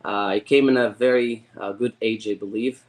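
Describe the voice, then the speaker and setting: Halting, eager man from Morocco. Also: lowish voice, fairly even intonation, a little mellow. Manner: halting, repeats words, eager. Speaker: guest. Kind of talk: casual interview.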